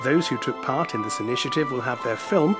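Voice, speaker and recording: Guy doing news voiceover, steady delivery, music loud underneath. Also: medium pitch, fairly quick. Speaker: news narrator. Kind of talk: scripted voice-over narration. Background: loud music bed.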